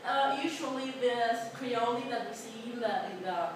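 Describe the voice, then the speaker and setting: A woman in her twenties, native Spanish speaker from Colombia with a Colombian accent, presents to her class at normal speed in a slightly high voice. She's chatty and often restarts amid many fillers, and the distant recording picks up an echoey, noisy room.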